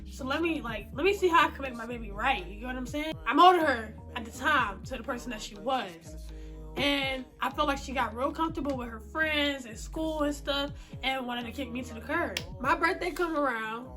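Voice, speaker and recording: A young woman vlogging straight to camera, her voice high-pitched and bright. She talks bluntly and animatedly in heavy slang, swearing freely. Faint music plays behind her. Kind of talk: casual storytime vlog.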